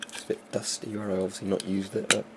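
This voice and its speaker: A man's voice: low voice, flat delivery, quick pace, vocal fry. A man giving a casual, unscripted hands-on demonstration as a presenter. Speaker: presenter showing military gas masks. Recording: faint background noise, amateur recording.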